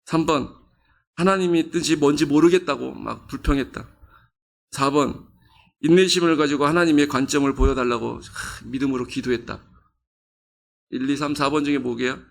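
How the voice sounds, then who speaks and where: Gravelly-voiced male pastor preaching. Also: mid-range voice, moderate pace, pauses often. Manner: conversational preaching with quiz questions to the congregation; acts out quoted voices with rising emphasis. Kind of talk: sermon.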